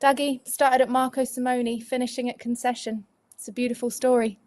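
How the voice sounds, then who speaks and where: A woman's voice: on the high side, flat delivery, fairly quick, a little mellow. A woman co-hosting a live golf tour broadcast, chatty and teasing her co-host as she runs through the standings. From Europe.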